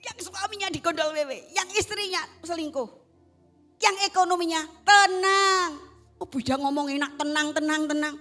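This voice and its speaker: Javanese lady preaching, goes loud then real hushed, high voice, faint music. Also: moderate pace. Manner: lively, switching between loud exhortation and hushed asides. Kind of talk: sermon. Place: church service.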